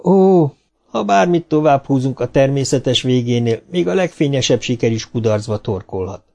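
A man's voice: medium pitch, animated, warm tone, faint music behind. A man voicing a cold, condescending young man. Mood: cool. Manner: smooth, measured delivery.

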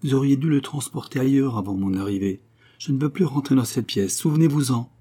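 A man reading aloud and voicing a cold, brusque middle-aged aristocratic husband with a low, rough voice. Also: brisk, warm tone, natural voice. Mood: irritated. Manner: brusque, impatient.

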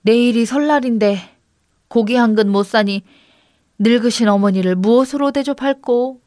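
Brief: woman reading as a humble young woodcutter in a folk tale, earnest and a bit high. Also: normal speed, darkish tone, dry recording, studio quality, natural voice. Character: poor kind young man, woodcutter, sighing and exclaiming.

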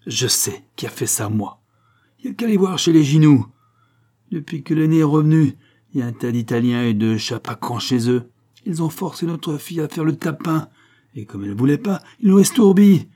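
A man voicing a furious, grieving middle-aged father who shouts threats in rough slang. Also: on the high side, lively intonation, moderate pace, voice pushed up. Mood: enraged.

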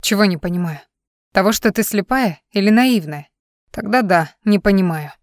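A woman's voice: medium pitch, normal speed, dry recording, close to an everyday voice. A woman reading the lines of a harsh, accusing young man in an audiobook. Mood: angry. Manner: blunt, harsh questioning.

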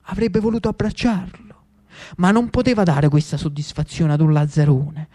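A man with a Neapolitan accent narrates like a storyteller-actor, theatrical, dramatic and deliberate. His voice sits on the high side, mellow and level in tone.

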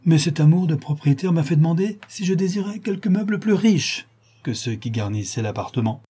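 Guy doing a sneering vengeful young woman in a storybook, raised voice, husky, jumps around a lot. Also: a little high, animated, fairly quick, warm tone, voice pushed up. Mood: mocking. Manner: mocking, then bitter and menacing.

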